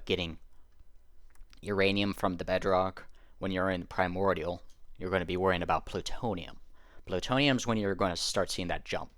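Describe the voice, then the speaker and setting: Low-ish guy explaining a game setup step by step, laid back, keyboard clicks around. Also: dry recording, clean studio sound. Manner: explaining step by step, self-correcting, offhand. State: hiccuping. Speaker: gaming YouTuber. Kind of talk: casual game tutorial commentary.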